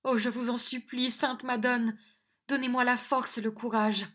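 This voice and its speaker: A woman's voice: medium pitch, takes it slowly. A woman voicing a proud, devout young noblewoman, speaking in raised, emotional tones. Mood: praying.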